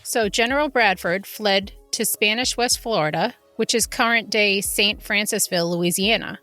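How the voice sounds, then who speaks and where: Bright-voiced woman podcast host telling stories. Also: mid-range voice, normal speed, faint music behind. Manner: casual, informal asides. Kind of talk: semi-scripted true haunting storytelling, conversational.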